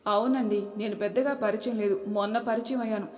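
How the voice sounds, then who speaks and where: A woman voicing an affectionate, gently teasing mother-in-law in an audio story, in an echoey room. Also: mid-range voice, steady tone, a little fast, natural voice. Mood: warm. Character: fond kindly mother-in-law. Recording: echoey room with long reverb.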